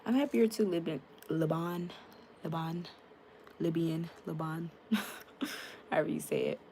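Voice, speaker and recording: A woman's voice: deep voice, fairly even intonation, unhurried, dark tone, a little hiss or hum. A young woman chatting frankly with her live-stream viewers, greeting them by name and using lots of fillers, into a tablet mic. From United States. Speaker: livestreamer.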